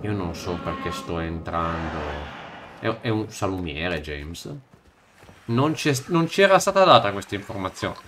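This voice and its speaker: Streamer type: man, slow-talking, voice swinging wide from low mumbles to startled yelps. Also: expressive, background noise. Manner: mutters low to himself, then yelps and shouts when startled. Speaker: gaming streamer. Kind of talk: live blind playthrough commentary.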